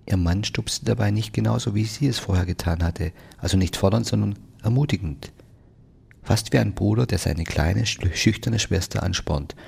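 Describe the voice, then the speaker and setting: A man narrating an audiobook in a wry, measured way. His voice sits very low, gravelly and husky. Each sentence is laid out calmly. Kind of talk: scripted narration.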